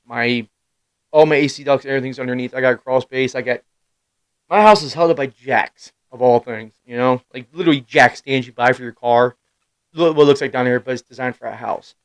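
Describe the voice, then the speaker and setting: A man in his thirties hosting a live stream, rambling through casual stories in a middle-pitched voice. He swears freely, laughs at himself and breaks into loud bursts. The sound is dry and close, with no room around it. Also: dry recording, low-quality recording. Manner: rambling storyteller with sudden loud outbursts. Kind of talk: casual chat.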